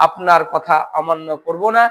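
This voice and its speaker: A man's voice: a little high, flat delivery, moderate pace, pushed and bright. A man voicing a humble snake that speaks deferentially to a holy man in a told story. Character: obedient wounded snake under a tree, humble and grateful.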